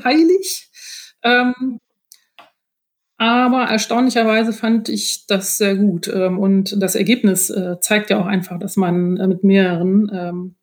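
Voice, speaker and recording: As a guest on a casual interview podcast, a woman author explains her experiences hesitantly, often laughing as she goes. Her voice is medium-pitched and a little mellow.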